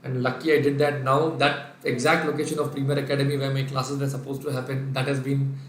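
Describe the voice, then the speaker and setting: Reading out viewers' names and replying as he goes, this man dictates each step of the working in a live online revision lecture on finance. He's from Kerala, speaks Sindhi natively and has an Indian English accent. His medium-pitched voice is flat and fast, in a reverberant room with slight background noise.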